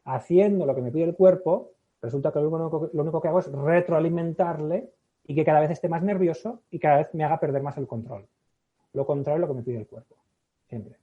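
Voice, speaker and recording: A man with a Spain Spanish accent, a public speaking expert explaining as a podcast guest. He talks in an animated way, acts out little scenes and keeps checking in with "¿no?". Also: a little high, brisk, slightly rough. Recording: thin phone-like audio.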